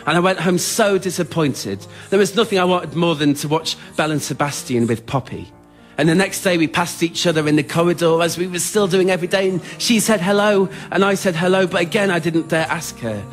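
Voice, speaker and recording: A high-pitched man talks a little fast against faint music as he performs a scripted comic monologue for radio. On a theatre stage before an audience, this writer-performer storyteller stays understated, earnest and self-deprecating.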